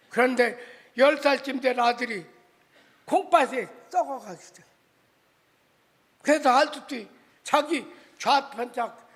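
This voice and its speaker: High-voiced impassioned male preacher. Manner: impassioned storytelling, swings from shouting to hushed. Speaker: pastor. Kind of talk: sermon. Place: church sanctuary. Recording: reverberant church hall.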